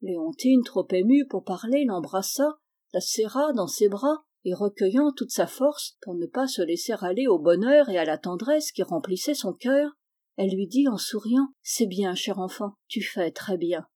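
A woman narrating a classic children's novel in a steady, even storytelling manner. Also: medium pitch, moderate pace.

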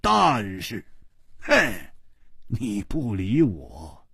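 Man voicing a brash shouting swordsman. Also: very animated, very slow, breathy edge, no echo, clean studio sound, full character voice. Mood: angry. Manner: loud, taunting, shouts with rising pitch. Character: brash hot-tempered male swordsman, loud and mocking. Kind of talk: traditional Chinese storytelling.

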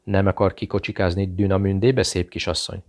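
A man voicing a cruel, mocking male SS officer who taunts and shouts in a raised voice. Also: low voice, level tone.

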